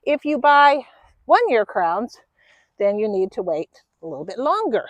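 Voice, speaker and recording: A woman's voice: on the high side, a little fast, dry recording, lo-fi sound. Chatty woman gardening outdoors. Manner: relaxed, chatty, with fillers. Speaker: gardening channel host. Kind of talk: casual how-to gardening talk. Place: outdoors in a garden bed in a grassy field.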